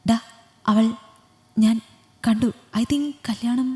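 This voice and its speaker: A woman's voice: fairly high pitch, steady tone, very slow, mellow. A woman voicing a loyal, protective male friend who speaks in an urgent, reassuring way. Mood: breathless. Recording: long hall reverb.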